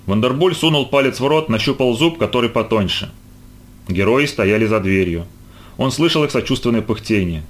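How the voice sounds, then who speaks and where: A man narrating a story for an audiobook in a measured, expressive reading. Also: medium pitch.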